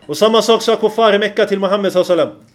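A man giving a religious lecture, often pausing to check that his listeners follow and reciting Arabic verses in a chanting lilt. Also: high voice. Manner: keeps checking the listeners follow, with rhetorical questions. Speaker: preacher.

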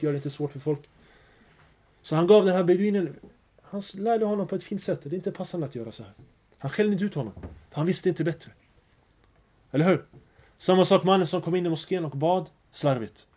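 A man's voice: fairly high pitch, dark tone. A man giving an earnest religious lecture, telling stories and mixing in phrases. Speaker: preacher.

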